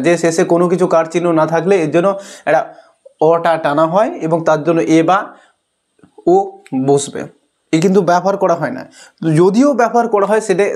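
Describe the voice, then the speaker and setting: A man's voice: sits high, darkish tone. A male teacher patiently explains an English lesson to young pupils, asking questions and answering them himself and often saying "okay" between points.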